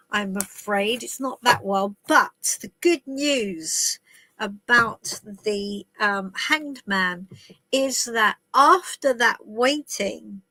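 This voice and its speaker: Stuffy and coughing with a head cold, a woman chats rambly through tarot readings on a live stream while travelling, restarting often and saying um a lot. Her mid-range voice has a sharp tone, and the rough recording has no room sound.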